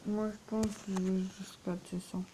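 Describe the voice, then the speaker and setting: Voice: mid-range voice, little pitch movement, moderate pace, warm tone, a little hiss or hum, low-quality recording. A young player chatting casually as the second person in a gameplay video. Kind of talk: casual gaming chat.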